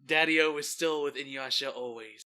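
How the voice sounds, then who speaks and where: A woman's voice: rumbling low, moderate pace, bright, forceful tone. A woman co-hosting a podcast, chatting in a laid-back, playful way. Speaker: podcast co-host. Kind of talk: casual chat.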